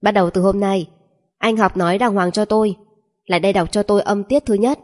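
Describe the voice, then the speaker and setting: A woman's voice: mid-range voice, brisk, close to an everyday voice. A woman voicing a strict young woman who teaches a shy man to speak, in clipped commands. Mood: stern.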